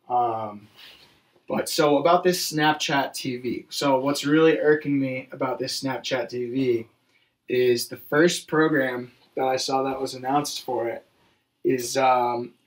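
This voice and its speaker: A man's voice: medium pitch, steady tone, distant mic. A man around thirty from Massachusetts, co-hosting a podcast in joking, sarcastic, profane chat. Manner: joking, sarcastic, quick asides. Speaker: podcast co-host.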